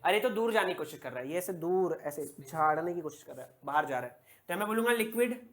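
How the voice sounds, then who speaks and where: A man's voice: on the high side, lively intonation, quick pace, fairly bright tone, slight background noise. Man teaching physics, quizzing his class. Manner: poses questions and answers them himself, repeats key words. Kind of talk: classroom lecture.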